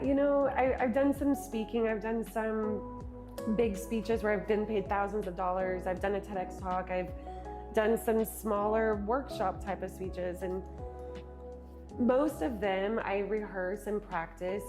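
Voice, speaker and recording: A woman speaking as an interview guest, reflecting earnestly on her work as a speaker and retreat host, sometimes speeding up and sometimes slowing down. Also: mid-range voice, fairly even intonation, over music. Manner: earnest, with quick and slow stretches, laughs easily.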